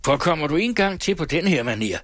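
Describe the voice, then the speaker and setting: A man voicing a blunt, scornful young farmhand who speaks gruffly. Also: on the high side, sing-song, fairly bright tone, no room sound, clean studio sound, voice pushed up. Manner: gruff and curt.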